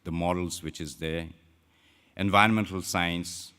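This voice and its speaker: Low-voiced man presenting in a hall. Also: steady tone, sharp tone, clear, resonant tone. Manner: measured, formal delivery with slips. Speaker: conference speaker. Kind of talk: plenary presentation. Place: conference hall. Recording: long hall reverb.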